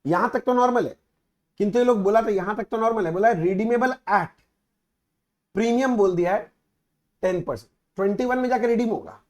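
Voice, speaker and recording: Male accounts teacher with a high-pitched voice. Casual lecture delivery, mixes Hindi and English, keeps checking in with the class. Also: animated, moderate pace, pauses often. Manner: mixes Hindi and English, asks students frequent check-in questions. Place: recorded teaching video.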